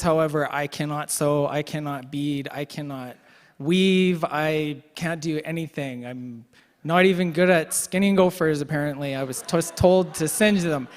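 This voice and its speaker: A young man from the Yukon, an event MC with a slightly worn voice, telling self-deprecating jokes in casual banter to the crowd. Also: a little high. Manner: joking, self-deprecating storyteller. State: voice getting worn. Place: large event hall. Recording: long hall reverb.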